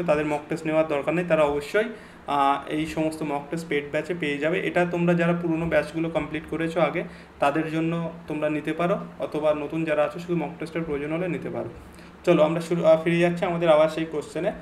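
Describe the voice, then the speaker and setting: Slowly and deliberately reading English example sentences, a young male teacher with a Bengali accent walks through a grammar lesson for online exam prep. His pitch is a little high, and there's slight background noise.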